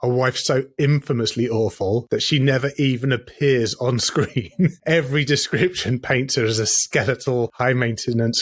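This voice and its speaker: A man's voice: mid-range voice, husky. A man co-hosting a comedy podcast, chatting casually and enthusiastically, with laughs between his points. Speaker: podcast co-host. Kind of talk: casual comedic ranking chat.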